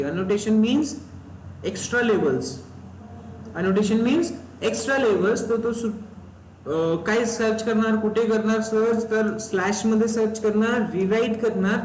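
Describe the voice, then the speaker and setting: A man is teaching a technical class, his voice set high. He keeps quizzing the students and repeating the key terms. The room is echoey and a faint noise sits underneath. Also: a little mellow. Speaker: instructor. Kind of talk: live technical class explanation. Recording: roomy echo, faint background noise.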